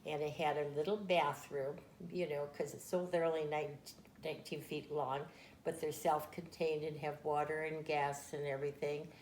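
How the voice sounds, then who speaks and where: Older woman, lowish voice, fond chatty storyteller, echoey room, faint background hum. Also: level tone, normal speed, darkish tone. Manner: chatty, fond, laughs at her own stories. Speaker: interviewee. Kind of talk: casual family storytelling.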